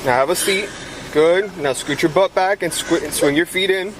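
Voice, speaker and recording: High-voiced, firm male police officer. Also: moderate pace. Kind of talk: giving orders at a traffic stop. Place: outdoors beside a police car. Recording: noisy roadside audio beside a car.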